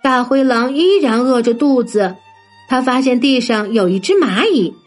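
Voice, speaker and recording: A woman narrating a children's story in a gentle, sing-song manner, addressing young listeners. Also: on the high side, lively intonation, normal speed. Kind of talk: scripted bedtime story narration. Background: soft background music.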